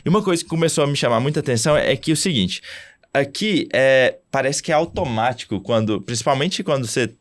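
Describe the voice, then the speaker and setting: A young adult Brazilian man, a doctor hosting a casual podcast, telling a story in an animated way with many restarts. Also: mid-range voice, quick pace. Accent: Brazilian Portuguese.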